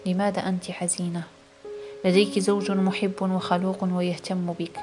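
Woman reading pressing young husband, audiobook, flat delivery, music underneath. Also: on the low side, moderate pace, lightly acted. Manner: insistent, pressing questions. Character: tense young husband demanding answers.

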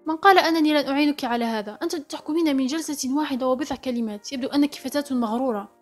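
A woman's voice: fairly high pitch, fast, darkish tone, faint music behind, lightly acted. A woman voicing a proud, sarcastic young male doctor. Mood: indignant. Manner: curt and mocking.

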